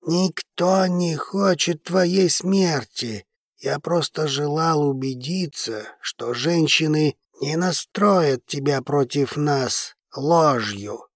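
A man voicing a calm, commanding old grandfather in an audiobook, speaking in a measured, soothing way. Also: a little high, no room sound, studio quality. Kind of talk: audiobook character reading.

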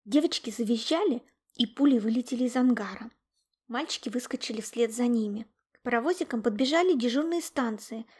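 Woman, storyteller, children's tale, expressive, slightly high voice. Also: fairly quick, husky. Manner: expressive, voices the characters' lines with lively emphasis.

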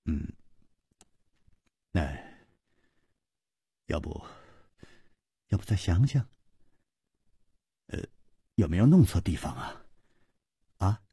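A composed hero who speaks slowly and evenly, as a male storyteller puts him on. His voice is low and husky. It is recorded dry and close. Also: no room sound. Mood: calm. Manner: measured, even. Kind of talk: storytelling radio performance.

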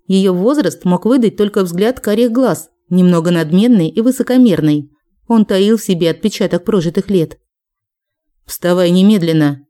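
A woman reads a first-person story aloud as an audiobook narrator. Her voice sits low for a woman and has a warm, mellow darkness. She keeps a steady, even storytelling manner.

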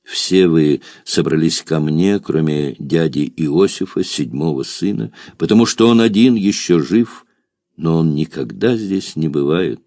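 A man voicing an elderly grandfather speaking solemn, tender words in a slow biblical cadence. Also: a bass voice, dark tone, no echo, studio quality, voice pushed down, exaggerated voice.

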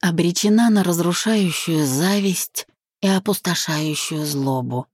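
A woman reading an audiobook voices a young wife who speaks quietly and calmly despite her pain. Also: lowish voice, unhurried, slightly rough, dry recording, clean studio sound. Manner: quiet, soft-spoken. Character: wounded but calm young wife, gentle.

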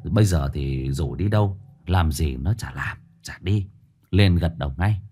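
A man's voice: low-pitched, expressive, a little slow, dark tone, slightly rough, faint music behind. A man with a Northern Vietnamese accent narrating a comic ghost story, colloquial with playful asides.

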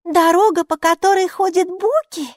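A woman reading an audiobook and voicing an eager six-year-old girl with high, loud exclamations. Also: fairly even intonation, normal speed, no room sound, studio quality. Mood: excited.

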